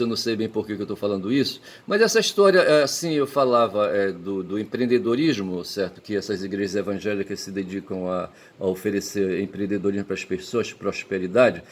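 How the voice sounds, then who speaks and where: A man from Belém, rambling through a personal monologue, cursing often and tagging nearly every phrase with a question. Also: fairly low pitch. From Belém, Pará, Brazil. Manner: peppers speech with tag questions; profane, emphatic outbursts. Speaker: commentator.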